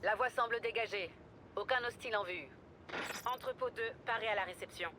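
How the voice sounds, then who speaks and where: A woman's voice: fairly high pitch, brisk, over music. A woman voicing a female officer giving a clipped report over police radio in a game dub. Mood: steady. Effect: police radio transmission.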